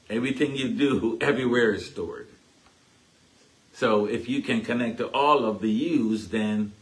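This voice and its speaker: A man's voice: lowish voice, rough recording. A man with a Caribbean accent giving a casual teaching talk at a spiritualist church, chatty and tagging his points with "right?". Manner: chatty, keeps asking "right?".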